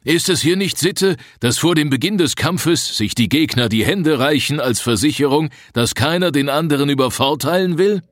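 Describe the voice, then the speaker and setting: A proud father speaks out loudly and formally, as a man reading the story puts him on. The voice sits above the reader's own, lively in pitch. The sound is dry and close. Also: normal speed, hardly any pauses, no echo, lightly acted. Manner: loud, formal.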